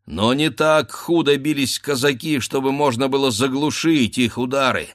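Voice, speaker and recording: A man narrates a classic tale as a dramatic audiobook, mid-pitched and full of feeling. The sound is dry and close, with no room around it. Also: moderate pace, no echo. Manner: dramatic storytelling with voiced characters.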